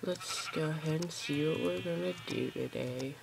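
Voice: mid-range voice, moderate pace, vocal fry, background noise. A gameplay host chatting casually to viewers while playing, recorded on a phone aimed at a screen at home. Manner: chatty, rambling, talks to viewers. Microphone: phone camera pointed at a screen.

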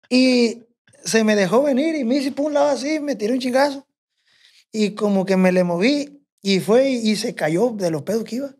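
A man's voice: very high-pitched, lively intonation, a little slow, pauses often, a little mellow. A man with a Sinaloan Mexican accent, a podcast guest telling a long story in a rambling, profane way and quoting what people said. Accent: Sinaloan Mexican Spanish. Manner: rambling, profane, quotes himself and others. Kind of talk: casual storytelling.

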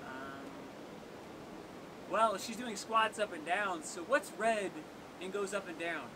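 A young man hosting an outdoor workout, joking and counting down for viewers in a seaside cave. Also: slow. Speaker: workout host. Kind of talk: casual workout coaching. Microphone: camera on tripod at a distance. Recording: noisy outdoor recording with wave rumble.

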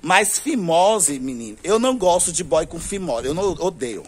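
This Brazilian vlogger, speaking to camera on a street, spins a gossipy, flamboyant story and laughs a lot. His voice is a little high and husky, very animated, at a normal pace.

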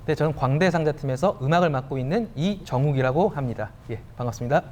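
A man's voice: on the high side, fast, a little mellow. A man who works as a musician, giving explanatory answers in an interview. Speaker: musician in a performance troupe. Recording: faint background noise.

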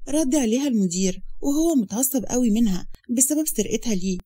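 Egyptian woman, story narration, very fast, mellow dark tone. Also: a little high, animated, husky. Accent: Egyptian Arabic.

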